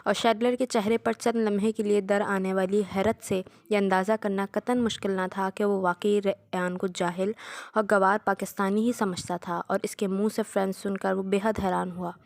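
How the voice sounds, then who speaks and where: A woman reads a novel aloud in a steady, even storytelling manner. Her voice has a gravelly grain at mid pitch. The recording is close and dry, with no room sound. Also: normal speed, no room sound. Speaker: narrator.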